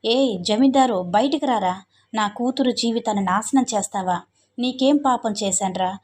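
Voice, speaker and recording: Storybook role: furious protective mother, loud and sharp, as a woman narrator puts her on. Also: on the high side, normal speed, lightly acted. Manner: angry, shouting. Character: fierce protective village mother.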